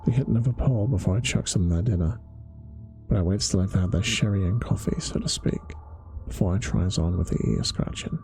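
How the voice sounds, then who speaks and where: A man voicing a gruff old zookeeper with a London working-class accent, in a bedtime-story ASMR reading. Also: deep voice, warm tone, faint music behind. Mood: grumbling. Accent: London working-class (put on). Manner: rough dialect, slow folksy telling. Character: gruff old male zookeeper, grumbling, blunt.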